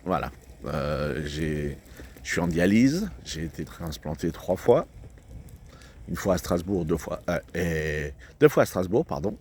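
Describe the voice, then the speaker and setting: Deep voiced guy rambling slowly by the road, lots of euh and stops, middle-aged. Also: very animated, a little mellow, a little hiss or hum. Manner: slow and halting, many fillers and restarts. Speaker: vlogger. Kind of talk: casual rambling vlog talk. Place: outdoors by a road.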